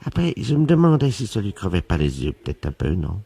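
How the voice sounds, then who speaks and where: A man's voice: fairly low pitch, huge pitch swings, fairly quick, gravelly, background noise, heavily acted. A man voicing a muddled elderly wife on a prank phone call, dithering and flipping back and forth mid-sentence. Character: muddled elderly wife, scatterbrained and cheerfully morbid.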